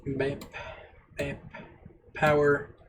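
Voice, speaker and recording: A man streams a game and reads its story text aloud between relaxed, unhurried remarks. His delivery is slow and his pitch stays level with little rise or fall. A steady hiss of noise sits under the recording. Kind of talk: casual gameplay commentary.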